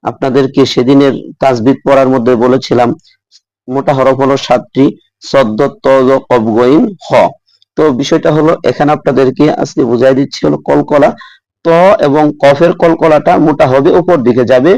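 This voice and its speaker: A man's voice: mid-range voice, fairly even intonation, darkish tone, dry recording, low-quality recording. A man teaching Quran recitation rules patiently, repeating and drawing out letter sounds as he explains. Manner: patient, repetitive instruction with drawn-out letter sounds. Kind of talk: tajweed lesson.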